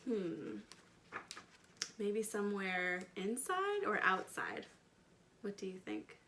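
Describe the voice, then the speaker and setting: A storytime reader and children's educator reads a picture book at a slow pace, her medium-pitched voice pushed and bright, with big swings in pitch. She emphasizes key words and talks directly to the children with questions, simple words, and chatty asides. A little hiss or hum can be heard.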